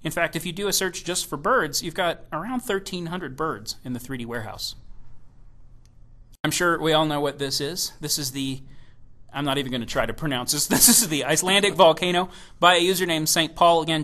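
A man with a bright, forceful voice pitched a little high delivers a recorded keynote presentation. He talks with enthusiasm and slips in playful jokes between points. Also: brisk. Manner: enthusiastic, joking asides. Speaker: software evangelist giving a keynote.

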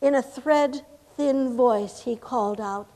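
A high-voiced, earnest 1860s lady, the wife of a governor, played by an actress in a live reenactment, recounts her cause in solemn, impassioned oratory. She speaks slowly and deliberately, stressing each grim detail. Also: warm tone. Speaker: historical reenactor. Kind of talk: first-person historical monologue.

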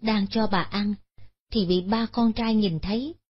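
A woman narrating a Buddhist moral story in a steady, solemn manner. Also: mid-range voice, measured pace, breathy edge. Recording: dull lo-fi recording.

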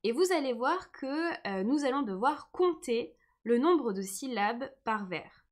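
A woman's voice: high voice, animated, measured pace. A woman teaching a live online lesson, patient and encouraging, who says she is tired today. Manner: patient, encouraging, reads comments aloud.

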